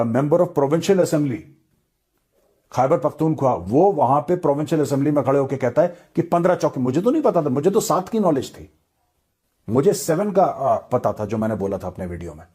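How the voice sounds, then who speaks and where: A man delivers opinionated commentary, taunting and repetitive. His voice is husky and dark, pitched a little high for a man, with English phrases mixed in. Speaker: political video commentator.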